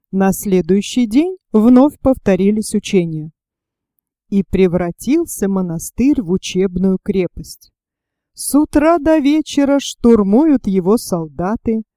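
A woman narrating a historical storybook tale in a slow, deliberate manner. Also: medium pitch, mellow, dry recording, clean studio sound.

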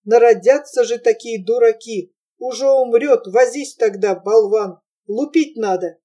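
Here is a harsh, angry merchant father, as a woman reads him in a storybook. He speaks curtly and wheezes through his scolding, in a mellow, fairly high voice. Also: a little slow, recorded from a distance.

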